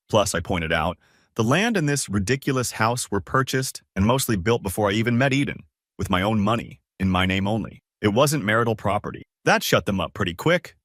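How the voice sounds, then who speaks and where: A man's voice: lowish voice, fairly bright tone, no echo, clean studio sound. A man reading a first-person story aloud in a casual, conversational way. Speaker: narrator.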